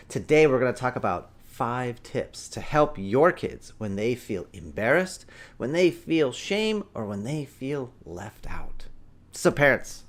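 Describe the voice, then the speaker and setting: A man in his thirties hosting a parenting show, giving emphatic, animated advice that swings between loud and hushed. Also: medium pitch. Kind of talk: energetic parenting advice talk.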